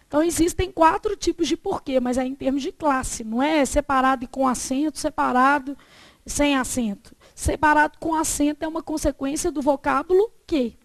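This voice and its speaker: Woman, Brazilian accent, teacher, classroom lecture, high voice, dry close sound, frequent tag questions. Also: normal speed, dry recording. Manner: checks understanding constantly with tag questions.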